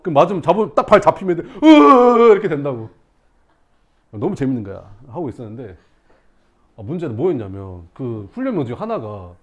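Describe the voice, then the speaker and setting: A young male math teacher tells his class a story in a lively, swooping voice. His pitch sits in the middle, and he acts out the scenes with sudden shouts and sound effects. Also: husky.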